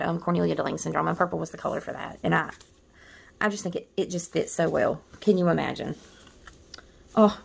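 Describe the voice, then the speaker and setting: A middle-aged woman talks through her planner supplies in a loose show-and-tell, her voice carrying a gravelly, creaky edge. She rambles, restarts her thoughts and trails off, with a tender, wistful warmth underneath. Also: fairly low pitch. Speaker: planner vlogger.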